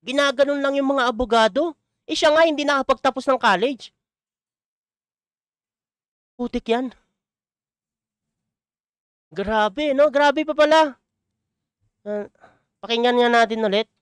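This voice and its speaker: Male vlogger reacting to clips, smooth clean voice, dry close sound, exclaims a lot. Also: extremely high pitch, a little slow, long pauses, a bit bright, no echo. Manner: exclaiming, chuckling, repeats clip lines back. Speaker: YouTuber host. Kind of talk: reaction commentary on a video clip.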